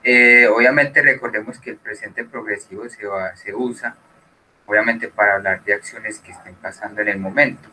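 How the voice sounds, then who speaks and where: A man's voice: lowish voice, fairly even intonation, normal speed, bright, forceful tone, slight background noise, poor audio. A man teaching an English class who explains patiently and switches between Spanish and English.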